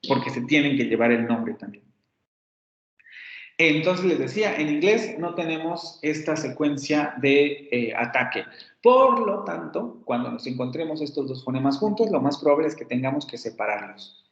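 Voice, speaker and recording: A man's voice: fairly high pitch, expressive, moderate pace, fairly bright tone. A male university teacher with a Mexican Spanish accent, explaining phonetics in a classroom lecture, repeating example words and correcting himself. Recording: roomy, dull lo-fi classroom recording.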